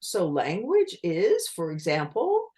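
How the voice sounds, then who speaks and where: Over a video call, a native English-speaking woman presents an online communication talk with slides, explaining things in a lively way and posing rhetorical questions to her audience. Her voice is fairly low and she takes her time.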